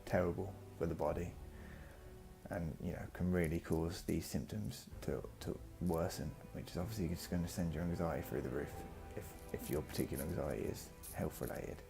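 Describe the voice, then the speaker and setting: A man giving a reflective, personal vlog monologue, speaking earnestly in short, halting phrases. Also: low-pitched, creaky. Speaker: vlogger. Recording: music behind the voice.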